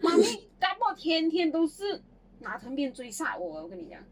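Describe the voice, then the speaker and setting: A woman's voice: high-pitched, big pitch swings, moderate pace. A young woman, animatedly telling childhood stories in a casual chat and laughing often. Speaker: podcast co-host.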